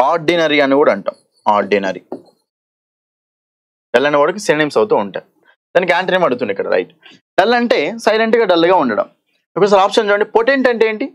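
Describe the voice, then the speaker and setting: Lively man teaching exam English. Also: on the high side. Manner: explains in Telugu mixed with English terms, often asks "okay?"; reads English question text slowly and deliberately. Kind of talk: exam-prep lesson.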